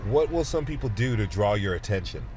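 A man's voice: on the low side, lively intonation, brisk. A man, a radio host, riding in the passenger seat of a taxi and asking the driver and riders friendly, curious questions. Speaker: radio host on a ride-along.

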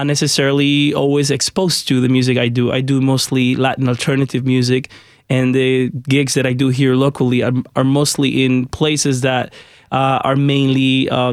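Flat-voiced friendly man, dry studio sound. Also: medium pitch, dry recording. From Honduras. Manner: friendly, talkative, with fillers. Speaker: guest musician. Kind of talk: radio interview.

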